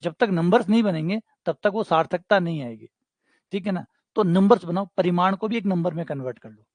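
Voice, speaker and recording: This high-voiced man speaks briskly, with no room sound, as he teaches an online exam-prep maths class. He has a Rajasthani accent, keeps things chatty and joking, and slips into local dialect.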